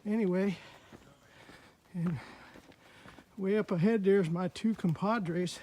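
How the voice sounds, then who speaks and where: A man's voice: high voice, slow, mellow. A man vlogging outdoors on a wooded mountain trail, with folksy, chatty narration into a handheld camera. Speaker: hiking vlogger.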